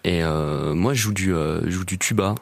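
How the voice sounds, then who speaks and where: A young man from Normandy, a guest musician chatting casually in a radio interview, relaxed with lots of fillers. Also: deep voice, moderate pace, vocal fry, no echo. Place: radio studio.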